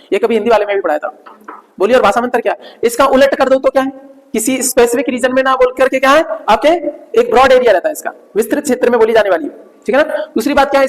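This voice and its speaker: A man's voice: extremely high pitch, in a large hall, low-quality recording. A male teacher giving a classroom lecture, asking his class questions and answering them himself.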